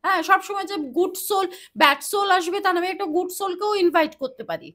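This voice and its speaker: High-voiced woman telling a dramatic story. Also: fairly bright tone. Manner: dramatic storyteller, chants mantras slowly. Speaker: astrologer guest. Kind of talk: storytelling in a podcast interview.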